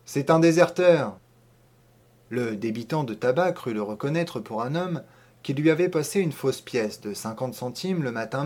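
A man reading a classic short story aloud in a measured, even narrating voice. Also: mid-range voice.

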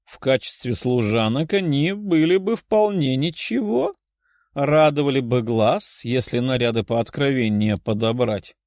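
A man's voice: mid-range voice, expressive, a little slow, darkish tone, no room sound, studio quality. A man voicing an arrogant, leering young nobleman who sneers and growls in a storybook reading.

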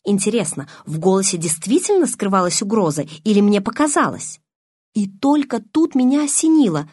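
Woman reading an expressive audiobook. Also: medium pitch, normal speed, slightly rough, dry recording, studio quality. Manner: expressive, emotional first-person reading. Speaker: audiobook narrator. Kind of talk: first-person audiobook narration.

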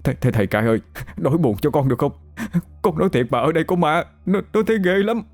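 A man's voice: high voice, expressive, a little fast, breathy edge, soft background music, voice pushed up. Man doing a stammering terrified young prisoner. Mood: stammering terror. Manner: stammering, pleading. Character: terrified young male death-row prisoner.

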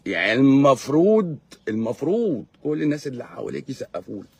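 A man's voice: mid-range voice, sing-song, fast, creaky, slightly rough, no room sound. A man with an Egyptian accent, a doctor hosting a live stream, lecturing in a sarcastic, mocking way. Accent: Egyptian Arabic. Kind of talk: casual live-stream monologue.

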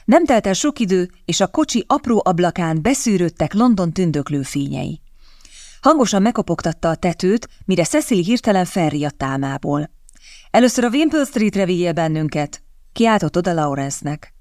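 A woman narrating a novel as an audiobook, in a measured, expressive reading. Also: on the low side, no room sound, clean studio sound.

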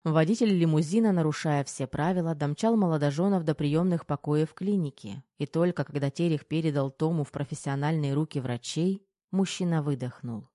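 An audiobook narrator reading a novel in an even, unhurried way. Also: medium pitch, no room sound, studio quality. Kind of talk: scripted narration.

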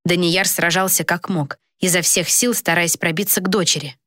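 Lower-voiced woman narrating a story. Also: little pitch movement, normal speed, a bit bright, no room sound. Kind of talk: audiobook narration. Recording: dry close recording.

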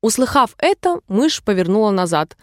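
Storybook narrator: a woman with a gentle, measured reading voice, close and dry. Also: a little high, animated, dry recording. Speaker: audiobook reader.

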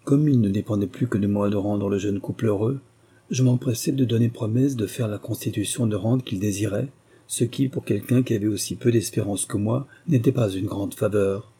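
A man narrating an audiobook in the first person with a steady, literary reading. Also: fairly low pitch, normal speed, breathy edge.

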